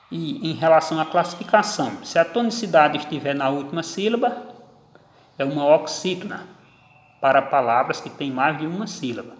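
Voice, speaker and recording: A man teaching a grammar lesson, stressing each example word slowly and deliberately. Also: fairly high pitch. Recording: echoey room with long reverb.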